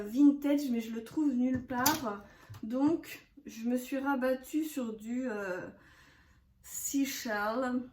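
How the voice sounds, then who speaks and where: A woman in her thirties showing her craft purchases in casual chat to camera, talking with many hesitations and soft laughs. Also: high-pitched, reverberant, a little hiss or hum. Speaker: scrapbooking vlogger.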